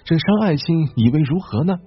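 A man's voice: on the high side, expressive, brisk, husky, no room sound, highs cut off, faint music behind, voice pushed up. A man voicing a suspicious Ming-era emperor who muses aloud and questions his ministers. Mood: musing. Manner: musing, probing questions.

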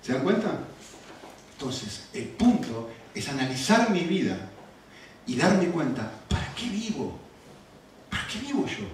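A man's voice: a little high, unhurried, long pauses, slight background noise. A middle-aged man with an Argentine accent preaching a sermon, telling stories and firing off rhetorical questions. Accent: Argentine Spanish. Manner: animated storytelling with rhetorical questions. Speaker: pastor. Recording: echoey room, far from the mic.

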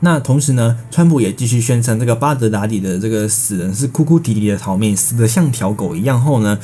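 A man's voice: medium pitch, lively intonation, fast, warm tone, slight background noise. A man with a Taiwanese Mandarin accent presenting breaking news, wordy, often restarting words as he goes. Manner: wordy, repeats filler phrases and restarts words mid-sentence. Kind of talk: breaking news reading, semi-scripted with ad-libbed bridging.

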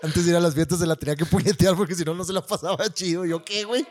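Fast-talking joking Mexican man. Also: a little high, steady tone, darkish tone. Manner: fast, joking, crude slang. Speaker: podcast co-host. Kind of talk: casual chat.

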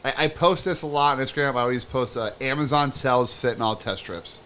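A man's voice: mid-range voice, a little fast, a bit bright. A man on a casual podcast, throwing in crude jokes and quips. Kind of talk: casual chat.

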